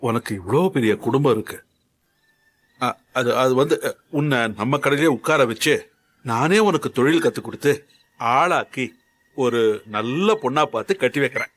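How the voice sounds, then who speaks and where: A man voicing a kindly older father figure who gently consoles a young man in a dubbed serial. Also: mid-range voice, normal speed, pauses often, close to an everyday voice. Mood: consoling.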